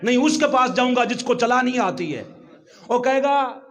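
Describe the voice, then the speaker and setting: A man preaching a Friday sermon in a mosque. He acts out the voices he quotes and rises to shouts at times. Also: very high voice, animated.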